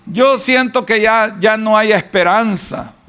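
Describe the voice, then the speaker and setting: A man voicing a fretful hypochondriac who sighs high, drawn-out laments about his coming death. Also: pushed and bright, clean tone, full character voice. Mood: whining. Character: fretful whining hypochondriac, sure of doom.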